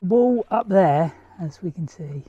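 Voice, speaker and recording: A man's voice: sits high, lively intonation, slow pace, dark tone, slightly rough, no echo, dull audio. A man up on scaffolding outdoors, out of breath and commenting casually on renovation work with dry, self-deprecating humour. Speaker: vlogger working on a house renovation. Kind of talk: casual chat and on-the-spot commentary.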